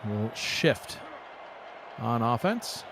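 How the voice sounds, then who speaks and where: A man doing relaxed play-by-play commentary for a simulated football broadcast, joking along and rising in excitement on big plays. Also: medium pitch, drawn-out words, gravelly, noisy background. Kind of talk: sports commentary.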